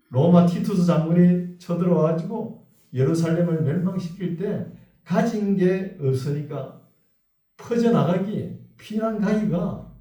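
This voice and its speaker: Dark-voiced pastor preaching in an echoey hall. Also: male voice, high voice, recorded from a distance. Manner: reads scripture slowly, then talks in a conversational, joking way. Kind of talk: sermon. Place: church sanctuary.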